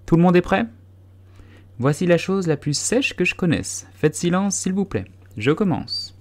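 A man voicing a self-important mouse lecturing loudly in a storybook reading. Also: high-pitched, lively intonation, measured pace, voice pushed up. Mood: pompous. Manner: haughty, lecturing, loud.

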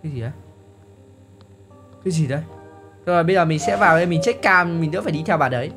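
A man giving joking, excitable let's-play commentary to his viewers. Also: fairly high pitch, fast. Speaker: gaming YouTuber. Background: game music.

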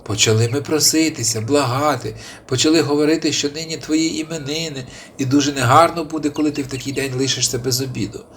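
A cunning little storybook hare, humble and flattering, bowing his words to a bigger beast, as a man puts him on. He pleads politely while quietly scheming, his voice raised a little above a normal speaking voice. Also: fairly high pitch, fast talker, hardly any pauses, a little hiss or hum, natural voice. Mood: pleading.

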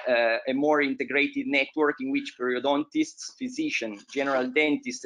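A young man giving an online presentation on periodontal treatment, pausing often with filler sounds. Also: medium pitch, a bit bright. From Italy. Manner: hesitant, many filler sounds. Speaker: periodontology lecturer.

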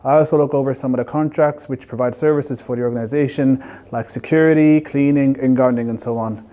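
A man in his thirties with an Irish accent, a facilities manager leading visitors around indoors in a brisk, friendly way. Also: mid-range voice, fairly even intonation, mellow. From Ireland. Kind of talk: guided tour talk. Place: indoor centre halls.

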